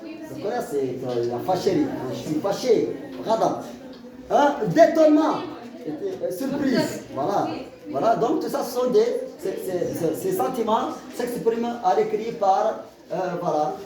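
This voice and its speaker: A man's voice: high-pitched, big pitch swings, measured pace, a crowd in the background. A teacher explains grammar to a class, repeating and restarting his words often as he gives examples. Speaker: French teacher. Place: school classroom. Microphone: far from the mic. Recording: echoey classroom, far mic, student noise.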